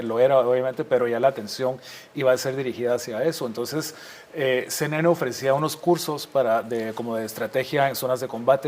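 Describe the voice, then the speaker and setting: A middle-aged man from Guatemala speaks as a guest in an interview, recounting his years as a war correspondent at an average pitch. He tells his stories reflectively and often restarts his sentences. A faint hiss of noise sits under his voice. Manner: reflective storytelling with frequent restarts. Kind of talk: interview conversation.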